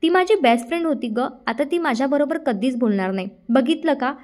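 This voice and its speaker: A woman's voice: high-pitched, expressive, a little fast, darkish tone. A woman voicing a spoiled, cruel young woman who scolds with scorn and mixes in English words in a Marathi audiobook. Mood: whiny complaint.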